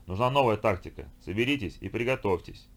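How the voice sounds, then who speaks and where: A man's voice: lowish voice, lively intonation, fast, gravelly. A man voicing a brutal viking pirate chieftain in an audiobook, barking orders and threats. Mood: commanding. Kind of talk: audiobook character voice.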